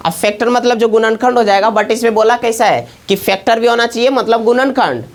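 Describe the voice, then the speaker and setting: A woman's voice: a little high, fairly quick. Lady teaching math in a classroom, asks "right?" a lot. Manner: asks the class constant check questions. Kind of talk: classroom lesson at a board. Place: classroom with students.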